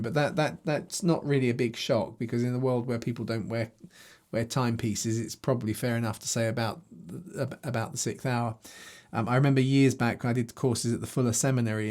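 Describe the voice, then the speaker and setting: A man's voice: medium pitch, a little mellow. A man reading scripture aloud and teaching on it in a conversational way, thinking aloud with restarts, recording himself to a video camera. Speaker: Bible teacher. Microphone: self-recorded to a video camera.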